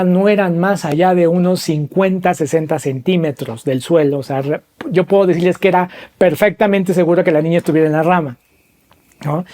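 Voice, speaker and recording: A man hosting a podcast, telling a story and asking the listeners rhetorical questions as he explains. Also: darkish tone. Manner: acts out quoted voices with pitch jumps. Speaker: podcast host.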